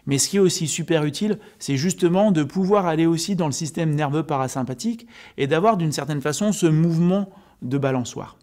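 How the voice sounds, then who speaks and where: A man with a slightly high voice presents to the viewer as a coach. He explains methodically and informally, breaking each point into simple steps. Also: brisk, darkish tone. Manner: didactic, step-by-step explaining, addressing the viewer informally. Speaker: health and sports coach presenting a video. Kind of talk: informal explanatory talk to camera.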